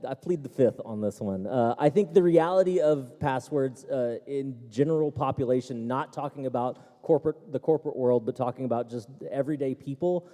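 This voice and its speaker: A man's voice: mid-range voice, moderate pace, few pauses, mellow. A man answering tech questions at a seminar, talking casually with many fillers and restarts. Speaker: tech expert panelist. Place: seminar hall. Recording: echoey hall.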